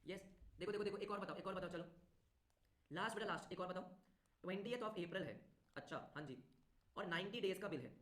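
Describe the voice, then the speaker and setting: A male tutor teaching an online class, talking briskly, repeating phrases and urging students to answer quickly. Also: high voice, a bit bright. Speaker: commerce exam tutor. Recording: roomy echo.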